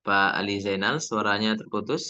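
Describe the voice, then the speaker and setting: Bright-voiced male Quran teacher. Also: lowish voice, steady tone. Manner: patient, drills letter sounds by repeating them slowly. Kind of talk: online Quran reading class. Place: online video class.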